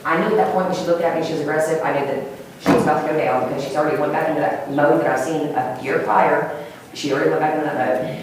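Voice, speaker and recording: A woman gives rambling, emotional courtroom testimony in a quick rush of words, heavy with fillers. Her voice sits a little low. She is picked up by a distant mic in a very echoey, noisy courtroom. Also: steady tone.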